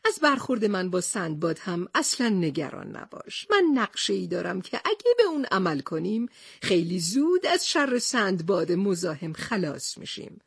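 A woman voicing a hot-tempered, blustering male sea captain in a storybook reading, with a husky voice and bossy outbursts. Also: fairly low pitch, very animated, no room sound, clean studio sound, exaggerated voice. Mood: boastful.

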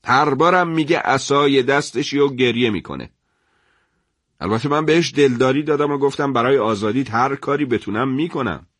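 A man's voice: mid-range voice, no echo, pitched above the performer's own voice, lightly acted. A man putting on a raging prison major. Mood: coaxing. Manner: shouting, bullying, then coaxing. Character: angry, threatening male prison major. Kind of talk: radio storytelling.

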